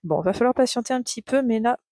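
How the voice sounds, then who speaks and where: A middle-aged woman chatting in a casual knitting vlog, gushing and excitable, repeating words and laughing often. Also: on the high side, fast talker, no room sound, studio quality. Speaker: knitting vlogger.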